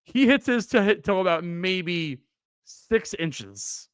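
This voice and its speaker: A young adult man, a podcast co-host, casually telling a story, animated and profane, acting out the people he quotes. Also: high voice, slow pace, clean tone, no echo, studio quality.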